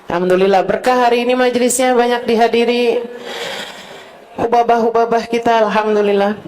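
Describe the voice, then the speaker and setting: High-voiced woman preaching with fervor. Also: steady tone, normal speed, darkish tone. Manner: emotional, pleading prayers, sometimes crying out; casual colloquial speech with Arabic quotations. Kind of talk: sermon to a women's gathering.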